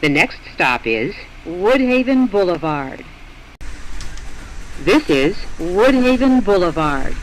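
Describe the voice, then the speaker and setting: Male subway announcer, high voice, animated intonation, formal scripted delivery, faint train noise. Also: takes it slowly, rough recording. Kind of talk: scripted automated-style transit announcements. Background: faint train ambience.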